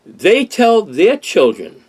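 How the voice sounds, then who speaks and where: Older New man, host, earnest and rambling, slightly high voice. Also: huge pitch swings, slow pace, darkish tone, husky. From Harlem, New York. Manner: earnest, rambling with restarts and repeated phrases. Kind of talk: casual discussion.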